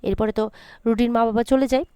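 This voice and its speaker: A woman's voice: fairly high pitch, steady tone, a little fast, warm tone, smooth, dry recording. Woman casually recapping a TV episode. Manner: conversational, many fillers and self-corrections. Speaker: host recapping a TV serial episode.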